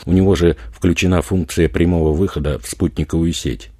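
A man voicing a rough, crude male street robber who swears and bullies, in a husky raised voice. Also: low voice, steady tone, fairly quick, dry recording, studio quality. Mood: threatening. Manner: loud, swearing, bullying.

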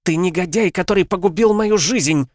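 A man voicing a furious middle-aged wife in an audiobook, high-pitched and shouting. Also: normal speed, no echo, clean studio sound, lightly acted. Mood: shrill. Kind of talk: audiobook narration.

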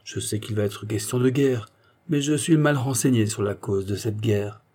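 A man reading the part of a calm, disdainful doctor in an audiobook, speaking in a measured, cool way. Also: on the low side, close to an everyday voice.

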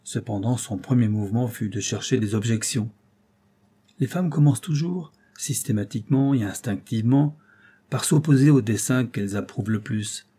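A man narrating a classic novel as an audiobook in a measured, dramatic reading. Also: medium pitch, mellow, breathy edge. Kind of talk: scripted literary narration.

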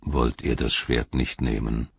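A man reading as a stern old wizard, low and husky. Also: fairly even intonation, measured pace, no echo, exaggerated voice. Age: older. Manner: stern, urging. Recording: dull, lo-fi audiobook recording.

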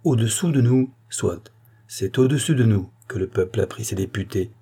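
In what sounds like an audiobook of a classic novel, a man voices an earnest politician urgently warning a queen, laying out his points one by one. The voice is mellow, a little husky, pitched slightly up and pressing, delivered in an animated way at normal speed as explanatory pleading.

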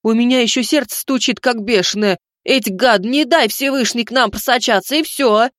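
A woman narrator voicing a fussy, agitated round townsman complaining loudly. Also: fairly high pitch, normal speed, no echo, studio quality, lightly acted. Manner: agitated, loud. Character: fussy round middle-aged townsman, anxious.

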